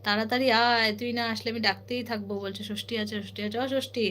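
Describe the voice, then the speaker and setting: A woman's voice: on the high side, steady tone, fast talker, a bit bright, a little hiss or hum. A woman from Assam hosting a live stream, reading viewer comments aloud in a chatty, playful way with teasing sing-song asides. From Assam, India. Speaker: livestream host.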